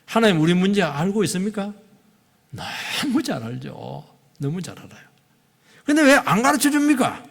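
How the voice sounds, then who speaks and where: A middle-aged man preaching a Sunday sermon as a pastor, animated and acting out quoted dialogue. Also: sits high, moderate pace, creaky. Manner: animated, acts out quoted dialogue in shifting voices. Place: church sanctuary. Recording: long reverb of a church hall.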